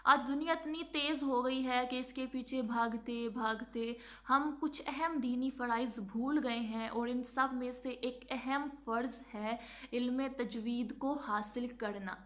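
A woman teaching recitation in a high, clear voice with a bright edge. She explains patiently, repeating words slowly to show how each sound is made, and drops English words into her talk. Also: steady tone. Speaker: religious teacher. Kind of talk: instructional talk on Quran recitation.

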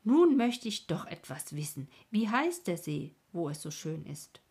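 A woman voicing a cheerful, eager little girl in a bedtime story, breathy and half-whispered. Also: on the high side, sing-song, a little fast, warm tone, voice pushed up. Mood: insistent.

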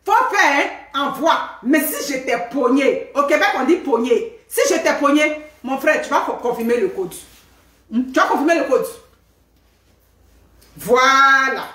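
A woman giving lively, emphatic advice to women, with many rhetorical questions and tag words like "hein". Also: sits high, measured pace, recorded from a distance. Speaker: live video host giving advice to women. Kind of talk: casual animated advice talk to viewers. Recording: echoey room.

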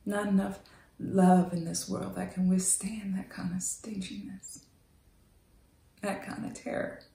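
An actress in her thirties playing a hurt woman leaving her fiancé, in a halting, searching soliloquy that drops toward breathy near-whispers. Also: medium pitch, animated, dark tone. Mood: searching, aching. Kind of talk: searching dramatic monologue, soliloquy. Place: small indoor room, plain backdrop. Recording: roomy indoor echo.

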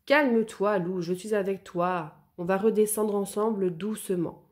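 A woman voicing a sporty, encouraging male friend who calms the hero in a children's storybook. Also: medium pitch, measured pace, lightly acted. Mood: soothing. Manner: encouraging, calm.

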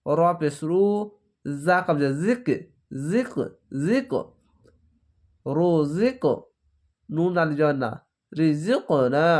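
A man's voice: on the high side, darkish tone. A man with a Bangladeshi Bengali accent teaching Quran reading, spelling out each letter and vowel mark aloud, then blending the syllables. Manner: recites verses in a slow drawn-out chant. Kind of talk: slow spelling-out recitation lesson.

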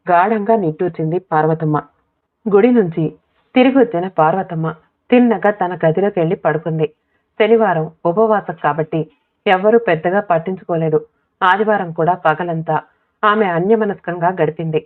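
Low-voiced woman reading a story. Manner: steady, measured reading. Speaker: audiobook narrator. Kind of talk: scripted story narration. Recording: tinny phone-like audio.

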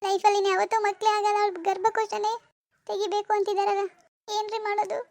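In cartoon voice acting, a woman plays a mother-in-law who grieves and defends herself, first lamenting with wails and then rebuking sternly. She delivers it rapid-fire at an extremely high pitch.

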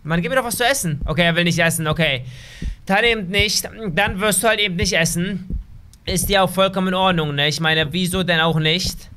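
A man giving excitable, chatty let's play commentary as a gaming YouTuber, talking straight to his viewers. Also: high voice, a little fast, a little hiss or hum.

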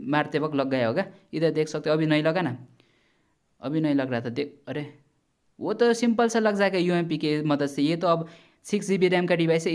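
A man giving casual gameplay commentary as a gaming YouTuber, chatty and blunt, warning his viewers and swearing now and then. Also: high voice. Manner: chatty, repeatedly addresses viewers as brother.

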